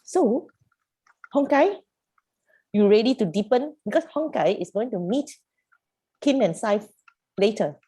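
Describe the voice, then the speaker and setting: A woman's voice: fairly high pitch, expressive, unhurried, long pauses, dark tone, slightly rough. A woman facilitating a youth program over a video call, speaking emphatically and posing one rhetorical question after another. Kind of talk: animated group coaching.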